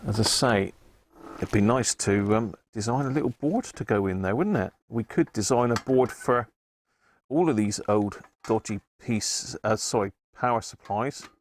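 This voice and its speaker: A man with a fairly low voice speaks at normal speed over a little hiss or hum. He runs a relaxed live repair stream from an indoor electronics workbench, chatting through his work as he goes.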